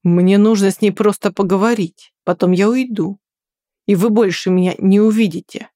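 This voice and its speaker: A woman's voice: medium pitch, steady tone, normal speed, dark tone, no echo, clean studio sound, close to an everyday voice. A woman reading an audiobook and voicing an angry, sarcastic young man who is the heroine's former lover. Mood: insistent. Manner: pushy, then weary and sarcastic.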